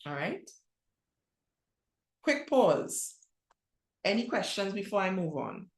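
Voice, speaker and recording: Slow and sing-song, this mid-range female voice echoes in a reverberant space as a Trinidadian middle-aged woman addresses a conference about youth ministry. She's direct and conversational, with restarts and rhetorical questions.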